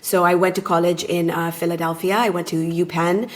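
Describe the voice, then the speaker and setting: A woman in her thirties, raised abroad, speaking as a podcast guest and relationship coach in a thoughtful, measured way. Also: on the low side, flat delivery. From born in Taiwan, raised in Japan. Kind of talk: conversational podcast interview.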